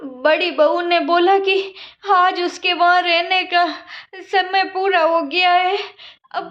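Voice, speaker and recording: A woman playing a helpless elderly mother-in-law who pleads slowly through tears, in an amateur family drama. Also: very high-pitched, steady tone, fairly bright tone, full character voice. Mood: pleading. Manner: slow, pleading, weeping. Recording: echoey room, dull lo-fi sound.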